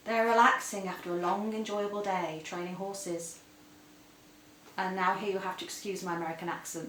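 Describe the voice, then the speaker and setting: A woman's voice: medium pitch, fairly bright tone, roomy sound, slight background noise, poor audio. A woman reading her own novel aloud in a playful, intimate manner. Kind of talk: audiobook-style reading.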